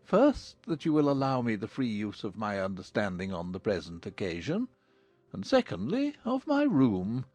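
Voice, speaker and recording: A man playing a dry, ironic middle-aged gentleman father in a dramatized audiobook, with measured formal delivery. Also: on the low side, wildly swooping pitch, dry recording, soft background music. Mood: wryly polite.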